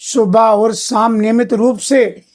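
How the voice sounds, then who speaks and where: A woman's voice: on the high side, steady tone, a little mellow. A woman voicing a wife's departing soul. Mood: tender pleading. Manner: slow repeated farewells to her husband. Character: departing soul of an older wife, tender, pleading. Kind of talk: emotional moral monologue.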